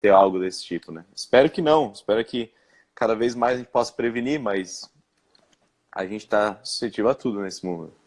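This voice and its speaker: A young man from Brazil speaking in a live-stream interview, recounting his experience with many pauses, fillers and restarts. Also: fairly low pitch, darkish tone. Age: young adult. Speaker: interviewed guest.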